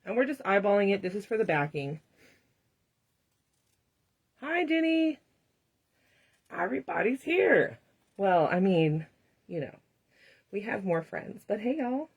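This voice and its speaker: A woman's voice: medium pitch, very animated, moderate pace, slightly rough. A woman hosting a live craft demonstration, chatting to viewers and laughing often as she works. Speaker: craft tutorial host.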